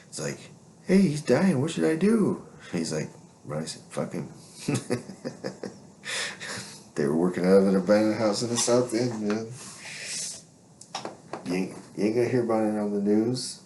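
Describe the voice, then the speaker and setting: A man's voice: lowish voice, a little mellow, a little hiss or hum. A man telling stories in a casual monologue, swaggering and profane, rambling with constant fillers.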